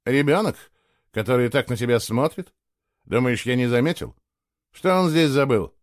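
Man playing Gerik, a firm, hushed lover. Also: mid-range voice, expressive, moderate pace, dry recording, clean studio sound, lightly acted. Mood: cold, jealous. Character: grown man, cold then tender lover.

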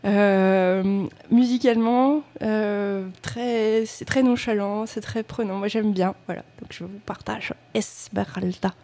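A woman's voice: medium pitch, steady tone, slow pace, dark tone. A woman hosting a music radio show, talking casually between tracks, hesitant, with many fillers, restarts and self-mocking asides. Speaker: radio host presenting music. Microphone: studio microphone.

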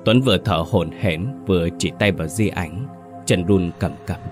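A man narrating a scripted ghost story slowly and dramatically. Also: sits low. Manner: slow, dramatic. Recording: narration over soft music.

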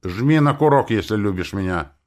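A man voicing a sinister woman's voice in someone's head, giving slow, hissing commands. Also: lowish voice, animated, darkish tone, lightly acted. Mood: menacing.

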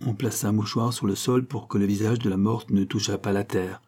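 A man reading a crime novel aloud in a measured, even narration. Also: lowish voice, breathy edge. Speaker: audiobook narrator.

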